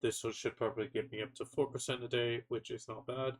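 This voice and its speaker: A man's voice: medium pitch, level tone, fast. A man with a stuffy, nasal voice from a cold, casually running through game patch notes and stumbling over words now and then. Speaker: gaming content creator.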